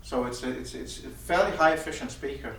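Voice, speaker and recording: In an audio show's indoor demo room, a man who designed the loudspeakers gives a halting, conversational technical explanation of his gear. His voice is medium-pitched and a bit bright. The distant mic picks up an echoey room and faint noise.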